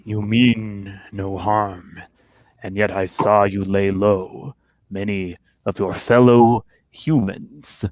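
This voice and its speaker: Man putting on a slow, suspicious rumbling troll. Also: steady tone, a little mellow, dry recording. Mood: wary, accusing.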